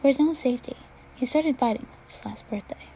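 A woman's voice: high voice, a little fast, mellow, slight background noise, rough recording. A woman voicing a stern, cold matron with a clipped, nasal way of talking in a fan fiction reading. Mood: curt. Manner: cold, curt. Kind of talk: fan fiction read-aloud.

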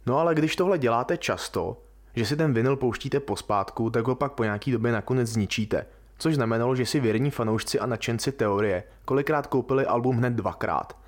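A man of ordinary middle pitch hosts a podcast by himself. He talks through his subject in a relaxed, colloquial way and muses aloud as he goes. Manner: informal, colloquial, musing. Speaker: podcast host. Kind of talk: casual podcast monologue.

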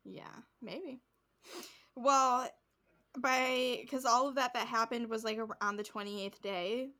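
A woman's voice: a little high, slow. A woman co-hosting a podcast, casually recapping a show and acting out the people in it, swearing freely. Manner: animated, acts out quotes, swears casually. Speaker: podcast co-host.

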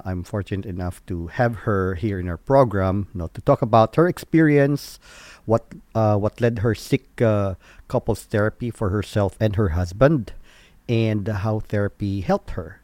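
A Filipino-accented man with a lowish voice hosts an informal interview in Taglish. He speaks haltingly, repeating words and adding Tagalog tags to his English. The sound is dry and close. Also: darkish tone, no echo. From Philippines. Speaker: host interviewing a guest on a program.

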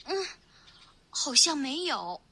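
A woman's voice: high-pitched, sing-song, slow pace, pushed and bright, voice pushed up, full character voice. A woman voicing two anxious young palace maids in a storybook, speaking in squealing, breathless, worried voices. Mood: polite timid.

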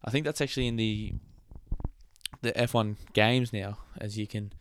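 A man's voice: on the low side, steady tone, normal speed, a little hiss or hum. A young man hosting a casual motorsport podcast, chatty, laughing often and trailing off mid-thought. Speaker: podcast host.

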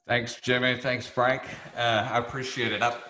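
A man's voice: medium pitch, little pitch movement, normal speed, sharp tone, a little hiss or hum. A youngish man from Memphis with a Southern hillbilly twang, telling stories casually as an interview guest in a folksy, joking, informal way. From Memphis, southern United States. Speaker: podcast guest, real estate investor. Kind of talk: casual anecdotal interview talk. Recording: roomy, echoey sound.

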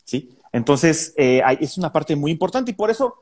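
A man's voice: fairly high pitch, very animated, moderate pace, a little mellow, husky. A man with a Mexican accent co-hosting a casual podcast, explaining points and often agreeing with "exactamente". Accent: Mexican Spanish. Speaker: podcast co-host.

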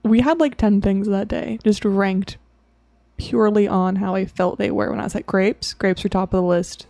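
A woman's voice: mid-range voice, moderate pace, no room sound. A young woman, a podcast guest, telling a funny story in casual chat. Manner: animated storytelling, laughing at her own stories.

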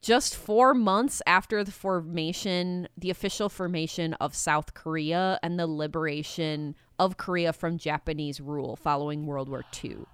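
A young woman tells history in a casual podcast chat over a video call, sarcastic and swearing freely. Her voice is smooth and resonant and sits at a middle pitch. The sound is close and dry, with no room to it. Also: no room sound. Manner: sarcastic, swears freely, mimics historical figures in quick asides. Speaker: podcast co-host presenting the episode's research.

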